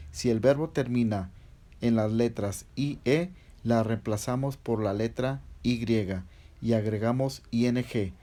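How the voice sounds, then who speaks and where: A man's voice: mid-range voice, mellow. A man teaching English verb rules in a patient, step-by-step lesson, spelling out letters one by one. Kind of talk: slow step-by-step grammar explanation.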